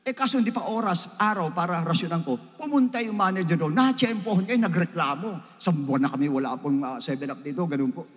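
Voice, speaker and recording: An older man, a pastor, giving a Father's Day sermon as a story, swinging between loud emphatic peaks and low hushed asides. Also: fast talker, hardly any pauses. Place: church hall. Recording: reverberant church hall.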